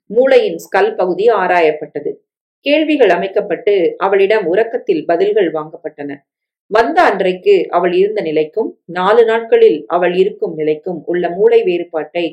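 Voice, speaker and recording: A woman reading a family story aloud in a steady, plain way. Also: medium pitch, lo-fi sound. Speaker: narrator.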